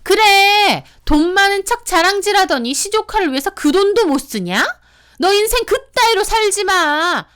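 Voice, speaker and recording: A woman voicing a shrill, demanding middle-aged sister-in-law in a scolding, sneering manner for a storytelling radio drama. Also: expressive, a little slow, fairly bright tone, exaggerated voice. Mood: yelling.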